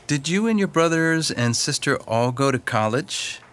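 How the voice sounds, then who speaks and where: An actress asking friendly questions in a scripted textbook dialogue. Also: female voice, low-pitched, animated, normal speed. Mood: curious.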